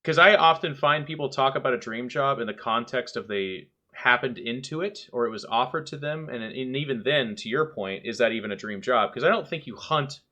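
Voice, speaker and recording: A man's voice: medium pitch, fairly quick, few pauses, pushed and bright. A man hosting a casual podcast chat, joking and rambling loosely as he introduces the talk. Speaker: podcast host.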